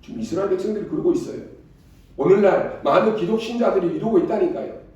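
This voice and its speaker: A man's voice: high-pitched, fast talker, mellow, highs cut off. A male pastor preaching a sermon, pressing his point with repeated rhetorical questions to the congregation. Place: church sanctuary. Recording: very echoey church hall, voice far from mic.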